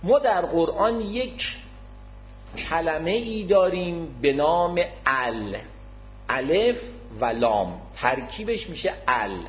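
A man's voice: a little high, animated, a little hiss or hum. A man giving an explanatory religious lecture, speaking patiently and formally to his listeners, repeating key words to make his point. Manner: modest, addresses listeners formally. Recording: dull lo-fi recording.

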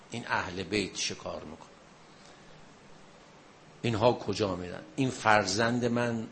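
A man's voice: fairly low pitch, gravelly, fairly bright tone, a little hiss or hum. A man preacher delivering a religious mourning sermon, retelling a martyrdom story with rising emotional intensity.

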